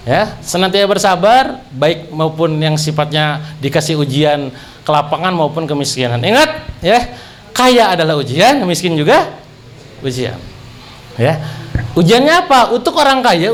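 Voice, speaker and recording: Lively high-voiced man telling stories. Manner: animated, jokey, addresses audience directly. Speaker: religious business speaker. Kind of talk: humorous storytelling in a religious talk.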